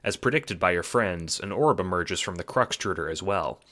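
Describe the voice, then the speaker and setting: A man with a low, animated voice speaks at normal speed, his tone bright and forceful. He serves as narrator and producer, telling a scripted second-person story dramatically over background music.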